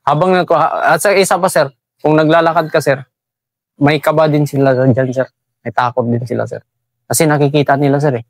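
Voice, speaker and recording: A man from Basilan, an army sergeant, answering interview questions deferentially and haltingly, tacking "sir" onto nearly every phrase. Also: a little high, fairly even intonation, dry recording. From Basilan, Philippines.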